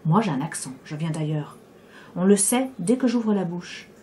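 Quiet reflective woman character, read aloud by the author, low mellow voice. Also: lively intonation, normal speed, a little hiss or hum, close to an everyday voice. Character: quiet green-eyed woman, self-conscious outsider.

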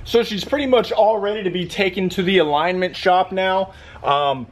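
Man, car vlogger, excited, slangy, rambling, slightly high voice. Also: moderate pace, background noise. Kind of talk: casual vlog commentary.

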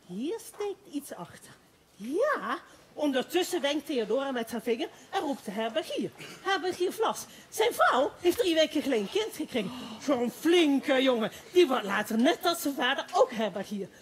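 Woman acting a gossiping townswoman, giggly, breathless, high swooping voice. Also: a little hiss or hum. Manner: breathless, giggly, rambling storytelling. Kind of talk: amateur stage play.

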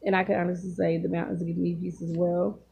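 A woman in her thirties telling casual stories while she eats, talking with her mouth full and pausing to chew, recorded on a phone in a room at home. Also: fairly low pitch, little pitch movement, gravelly, mellow, a little hiss or hum. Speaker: vlogger. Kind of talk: casual storytelling while eating. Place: small home room, indoors. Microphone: phone at arm's length.

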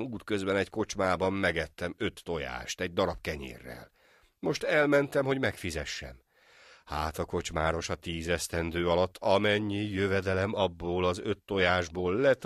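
A man voicing a poor, humble discharged soldier in an animated folk tale, speaking in an earnest, pleading way. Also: low-pitched, no room sound, studio quality.

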